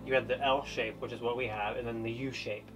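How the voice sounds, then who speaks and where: A young man talks through plans for his small boat in a relaxed, wry way. His voice sits a little away from the camera mic inside a wooden cabin. Music plays clearly underneath. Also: medium pitch, fairly quick. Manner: relaxed, dry joking, explaining plans. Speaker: boat-owning video host. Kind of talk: casual chat, boat tour. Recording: voice a bit distant, music behind.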